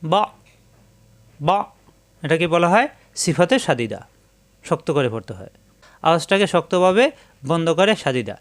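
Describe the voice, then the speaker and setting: Male Quran teacher, Bangladeshi Bengali accent, slightly high voice, patient, repeats every syllable. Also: fairly bright tone. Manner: patient, repetitive drilling of syllables. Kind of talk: step-by-step Quran reading lesson.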